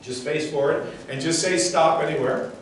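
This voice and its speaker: A man's voice: fairly high pitch, moderate pace. Intense mind reader, man in echoey room. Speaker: mind reader and stage performer. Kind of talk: live stage show, motivational talk with audience demonstration. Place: large echoey room before a live audience. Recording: very echoey room, distant mic, faint noise.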